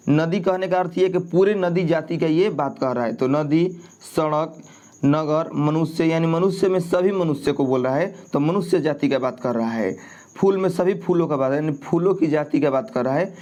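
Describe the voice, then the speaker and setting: A man's voice: fairly high pitch, a little mellow. A man teaching as an exam prep tutor, walking through grammar quiz answers step by step and often checking in with his listeners. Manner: repetitive, checks in with "ठीक है" often. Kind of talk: explaining a Hindi grammar quiz.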